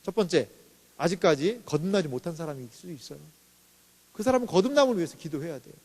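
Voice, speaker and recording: A man's voice: fairly high pitch, animated, fast, darkish tone. A male pastor preaching a sermon, asking rhetorical questions and acting out little stories. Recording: long reverb in a church hall.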